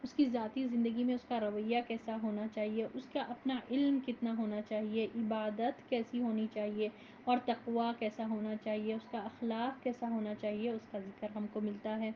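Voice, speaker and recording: A woman teaching a Quran commentary lesson in a measured, explanatory way, mixing in English words. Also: on the high side, level tone, slight background noise. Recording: dull lo-fi recording.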